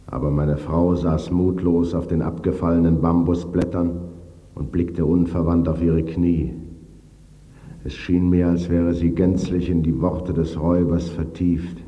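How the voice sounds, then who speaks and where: A man reading a dark literary story in a grave, brooding way, at times dropping to a whisper. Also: sits low. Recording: dull reverberant recording.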